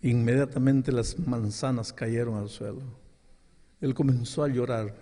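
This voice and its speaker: A man's voice: mid-range voice, fairly even intonation, measured pace, dark tone. A male pastor preaching a sermon, telling a story and acting out its dialogue with dramatic rises in his voice. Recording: long hall reverb.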